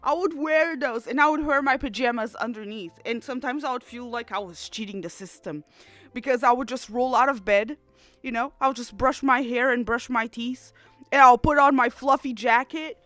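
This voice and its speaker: A woman in her twenties from Portugal, streaming casual chat through a headset, animated, laughing and swearing freely. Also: fairly high pitch, normal speed, no echo. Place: cold room at home.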